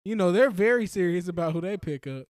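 A man's voice: high-pitched, animated, fast talker, a little mellow, slight background noise. A man co-hosting a podcast in casual joking chat, teasing and laughing as he tells stories. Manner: laughing, teasing, loose storytelling. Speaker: podcast co-host.

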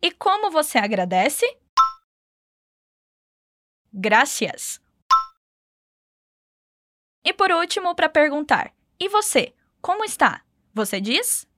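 Woman language teacher, bright high voice, dry studio sound, patient and encouraging. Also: big pitch swings, normal speed, few pauses, no echo. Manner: patient, encouraging, models phrases for repetition. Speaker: Spanish teacher. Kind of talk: language lesson narration.

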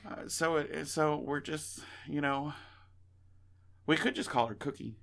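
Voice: medium pitch, measured pace, vocal fry. A podcast co-host in casual chat, rambling through stories with playful teasing.

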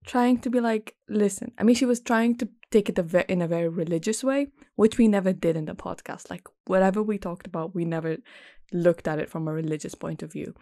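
A woman's voice: brisk, dark tone, dry recording. Chatty young woman co-host, storyteller, dry close mic. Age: young adult. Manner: chatty storyteller, mimics others in a high nasal voice. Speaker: podcast co-host. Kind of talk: casual chat.

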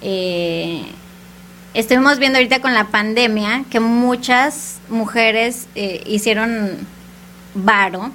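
A woman's voice: fairly high pitch, slow pace, fairly bright tone, slight background noise. A woman with a Mexican accent chatting casually as a co-host, steering the conversation. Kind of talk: casual chat.

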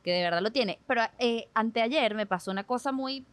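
A woman's voice: on the high side, a little fast, no room sound. Chatty young Venezuelan woman host. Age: young adult. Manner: chatty, expressive storyteller, many "o sea" fillers. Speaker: podcast co-host. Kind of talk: casual chat.

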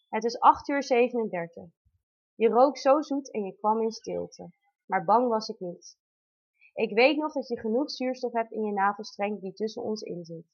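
A woman in her thirties reads a personal letter aloud with intimate tenderness. Her voice sits a little high, and the recording sounds somewhat dull and lo-fi. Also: slightly rough. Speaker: mother telling her birth story.

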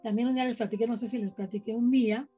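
A woman with a Mexican accent tells a personal story in a casual chat, her voice pitched fairly high with a breathy edge. She livens the tale by acting out the people she quotes. Soft music plays faintly underneath. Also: fairly even intonation, very fast, muffled recording. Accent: Mexican Spanish. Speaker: podcast guest sharing paranormal experiences.

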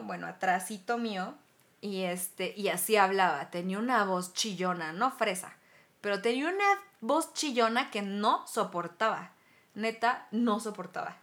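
A woman chatting casually, blunt and animated, with a posh, upper-class-sounding way of talking. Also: medium pitch, normal speed. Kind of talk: casual chat.

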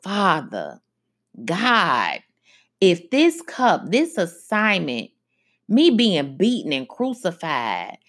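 Woman doing a pleading adult Jesus, begging, higher and lively, slow delivery. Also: full character voice. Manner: begging, rising pleas.

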